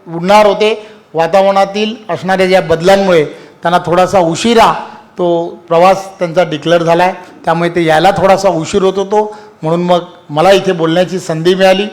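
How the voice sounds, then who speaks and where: Male rally speaker, Marathi accent, high voice, emphatic campaign delivery. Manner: rising emphatic delivery on repeated phrases. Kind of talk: campaign speech.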